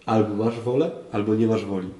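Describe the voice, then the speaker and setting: Dark-voiced priest in an echoey room. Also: male voice, fairly low pitch, steady tone, a little fast. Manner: asks listeners questions and repeats phrases for emphasis. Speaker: priest teaching a group. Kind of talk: teaching talk on faith. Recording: roomy echo, voice from far off.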